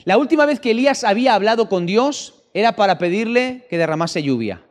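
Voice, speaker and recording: A preacher delivering a sermon with a lively voice that swings widely in pitch. He keeps asking his listeners questions, and the voice rings through a long church-hall reverb. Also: brisk. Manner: animated, with rhetorical questions to the audience.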